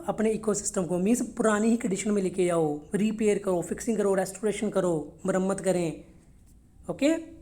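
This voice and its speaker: Mellow-voiced woman teaching vocabulary. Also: mid-range voice. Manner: explains words in Hindi mixed with English, repeats each word for pronunciation; checks in with frequent "okay?". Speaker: English teacher. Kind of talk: vocabulary lesson for test prep.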